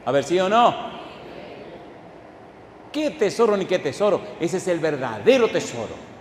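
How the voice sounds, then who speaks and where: A man's voice: on the high side, big pitch swings, measured pace, slight background noise. Fiery male preacher in an echoey hall. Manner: call-and-response questions to the congregation; swings from hushed asides to loud emphatic declarations. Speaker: pastor. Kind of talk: sermon. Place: church hall. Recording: echoey hall with faint ambience.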